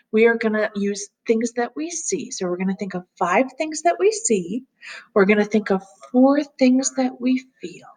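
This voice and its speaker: A woman guiding a calm grounding exercise as an instructor, speaking gently and soothingly in a soft, slightly breathy voice without hurry. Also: on the high side, low-quality recording.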